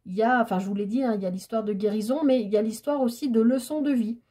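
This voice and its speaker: A woman giving a tarot reading in a casual, hesitant way, stammering and filling pauses as she talks. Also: on the high side, dark tone. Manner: hesitant, stammering, many fillers. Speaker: tarot card reader.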